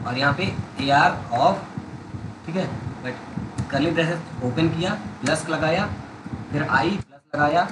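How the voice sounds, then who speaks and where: Man, coding teacher, fairly high voice, echoey room, loud hum behind. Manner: explains step by step, asks students to follow along. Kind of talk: coding tutorial.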